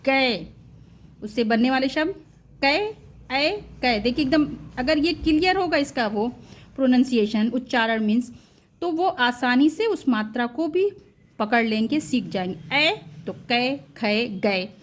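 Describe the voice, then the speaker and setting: A woman with a high voice walks listeners through a phonics lesson at a very unhurried pace. She stretches out each syllable and example word with care. English words slip naturally into her Hindi explanations. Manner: drawn-out, careful sounding out of syllables. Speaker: teacher. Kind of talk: slow Hindi phonics lesson for parents and teachers.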